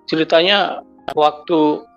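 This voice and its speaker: A man giving an emotional personal testimony, impassioned, his voice climbing high in anguish. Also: steady tone, slow. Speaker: testimony speaker. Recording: dull lo-fi audio with faint music.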